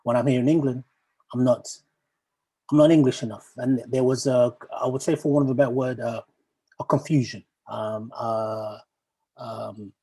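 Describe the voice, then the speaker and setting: A man from Uganda, a poet, giving a thoughtful talk over a video call, asking questions and pausing with ums and restarts. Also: mid-range voice, darkish tone, slightly rough, low-quality recording. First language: Luganda. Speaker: poet, guest speaker. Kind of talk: reflective talk to an online assembly.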